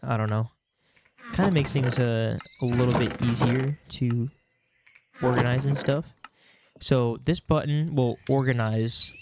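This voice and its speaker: His voice is medium-pitched with a darkish tone, and a faint hiss or hum sits in the recording. The speaker, a young Minecraft vlogger with a stuffy nose, rambles casually while playing, leaning heavily on fillers.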